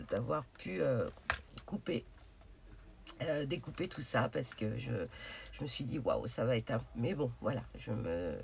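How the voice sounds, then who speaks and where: A woman's voice: a bass voice, gravelly, a little mellow. A woman hosting a casual crafting tutorial, chatty and hesitant, with many fillers as she talks through her project. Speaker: craft channel host.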